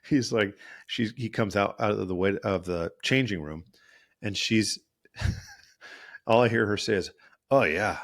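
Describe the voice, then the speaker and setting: A male therapist and podcast host talking in a casual, rambling monologue, often correcting himself mid-sentence. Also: on the low side. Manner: rambling, self-correcting, acts out quoted voices.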